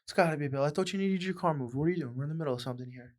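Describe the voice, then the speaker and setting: Brash, profane young podcast host. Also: male voice, on the high side, very fast, darkish tone. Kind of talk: casual chat.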